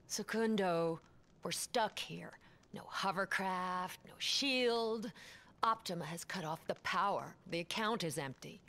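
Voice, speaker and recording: An actress playing a young woman heroine in a video game, quiet and subdued. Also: fairly low pitch, measured pace. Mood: worried.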